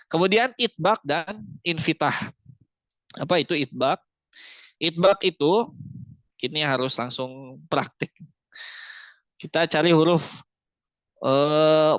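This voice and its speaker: A man's voice: on the high side, fairly bright tone, dry recording. Man teaching tajwid on a muffled call. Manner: explains patiently, repeats key points, models letter sounds. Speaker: Quran recitation teacher. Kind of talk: online tajwid lesson. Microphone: video call. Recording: dry, muffled video-call audio.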